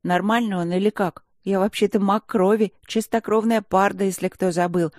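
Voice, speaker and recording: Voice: mid-range voice, fairly even intonation, normal speed, a little mellow, no room sound, clean studio sound, natural voice. A narrator voicing a young, proud female werepanther student in a fantasy audiobook, sassy and indignant. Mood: earnest. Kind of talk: audiobook character voice.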